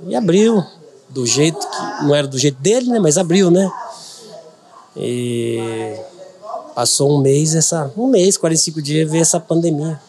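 A man's voice: a little high, lively intonation, moderate pace, darkish tone. A middle-aged man from Brazil, a podcast guest, telling a personal story earnestly and repeating words for emphasis.

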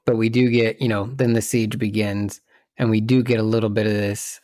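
Fairly low-voiced man, podcast co-host, casual chat, thinking aloud, dry sound. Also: flat delivery, normal speed, a little mellow, dry recording. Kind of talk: casual film discussion.

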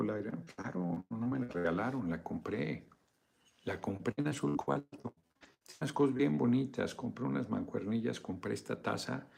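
Gravelly-voiced Mexican man chatting on a livestream. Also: mid-range voice. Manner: chatty, joking, swears casually, reads out viewer donations. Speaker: host of a live video chat. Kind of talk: casual livestream chat.

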